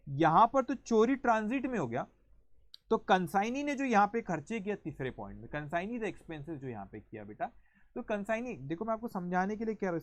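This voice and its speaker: A male accounting teacher giving an online lecture in a lively storytelling manner, going through each point step by step and counting them off aloud. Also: high-pitched, no room sound. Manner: explains step by step, counting points aloud and calling students "beta"; lively storytelling, acting out an example.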